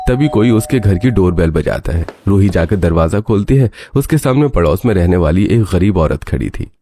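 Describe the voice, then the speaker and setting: A man narrating a cartoon story in a steady storytelling style. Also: deep voice. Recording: faint background noise.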